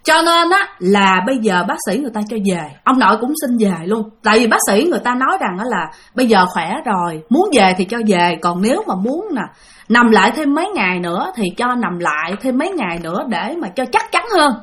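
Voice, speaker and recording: High, lively Southern Vietnamese woman storyteller. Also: a little fast. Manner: chatty, addressing listeners directly. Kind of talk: spoken ghost-story narration.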